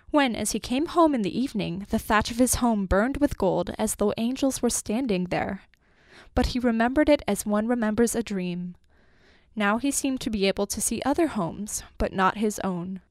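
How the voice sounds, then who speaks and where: A woman narrates a story in a measured, expressive reading voice that lingers over each phrase. Her voice sits somewhat high, and the recording is dry and close with no room sound. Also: dry recording.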